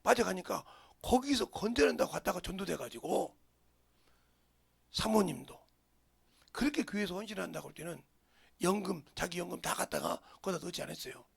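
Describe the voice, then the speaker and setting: A male pastor from the region, preaching a sermon in an animated way and dropping into whispers for emphasis. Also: high-pitched, a little fast, creaky, pauses often, slightly rough. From Jeolla, Korea.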